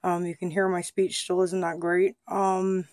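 A woman's voice: fairly low pitch, level tone, measured pace, darkish tone, no room sound, clean studio sound. A woman vlogger speaking with new dentures, talking casually with many fillers and slightly slurred speech. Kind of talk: casual recovery vlog update.

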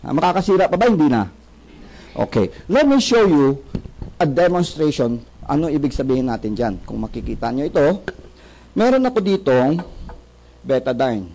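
A man's voice: mid-range voice, mellow, slight background noise, poor audio. A man with a Filipino accent giving a sales seminar talk. He keeps asking the audience questions, answers them himself, jokes, and mixes English into his talk. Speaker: product presenter.

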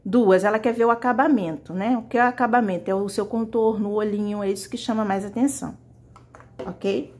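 A woman's voice: mid-range voice, fairly even intonation, fairly quick, darkish tone. A woman leads a casual fabric painting lesson with her hands busy at the brush. She chats directly to her viewers in an easy, talkative way. The mic sits close to her voice. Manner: chatty, talks directly to viewers. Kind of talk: casual tutorial.

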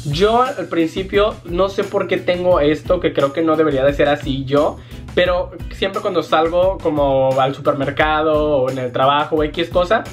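Faint guitar music runs under this casual to-camera vlog, recorded on a fixed desk camera in a small bedroom. The young Mexican man from Jalisco has a somewhat high voice and talks in a lively, slangy way. He gestures constantly and slips into quick voices for the people he quotes.

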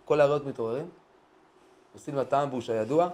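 A male rabbi delivering a lively sermon to a live audience in slangy street talk, acting out dialogues as he goes. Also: medium pitch. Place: live lecture before an audience.

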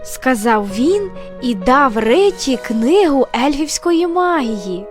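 A woman narrating an audio fairy tale in a gentle storytelling manner. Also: sits high, big pitch swings, takes it slowly, soft background music.

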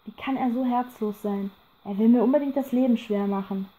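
A woman's voice: fairly high pitch, fairly quick, dark tone, highs cut off, natural voice. A woman voicing a desperate, furious teenage schoolgirl who pleads and then turns bitter and hateful.

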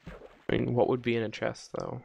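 A man's voice: mid-range voice, monotone, moderate pace, gravelly, darkish tone, muffled recording. A man chatting casually over a let's-play game, easygoing and curious. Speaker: gameplay commentator.

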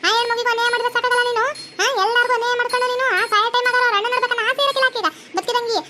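A fierce young daughter-in-law in a cartoon, as a woman puts her on hurls insults in a North Karnataka Kannada accent. The voice is piercingly high and bright, and it races at top speed. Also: flat delivery, soft background music. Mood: defiant. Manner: defiant, insulting, rapid. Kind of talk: cartoon voice acting.

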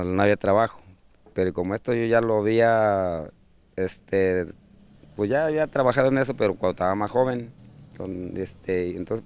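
A man's voice: on the low side, gravelly, darkish tone. A man, a street fish vendor, talking casually in an interview and rambling with many fillers and restarts. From Mexico.

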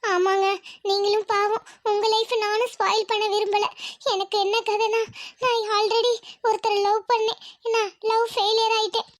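A woman's voice: very high voice, little pitch movement, moderate pace, no echo, studio quality. A woman voicing a scheming young bride-to-be in a cartoon, speaking politely and then muttering sly asides. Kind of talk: Tamil cartoon dubbing with asides.

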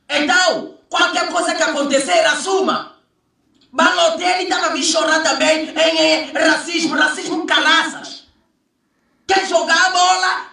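A man's voice: extremely high pitch, gravelly, pushed and bright. A man in an emphatic, mocking monologue, firing off repeated rhetorical questions. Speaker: vlogger. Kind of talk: ranting monologue. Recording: echoey room, far from the mic.

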